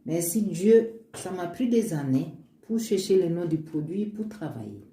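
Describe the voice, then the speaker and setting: In a casual vlog, a woman with a lowish, warm voice shows off her homemade oils, speaking a little slowly with lively intonation and switching between English and French. Her first language is an African language, and she is earnest and upbeat, talks about her faith, and restarts often. The room is echoey, with faint ambient noise.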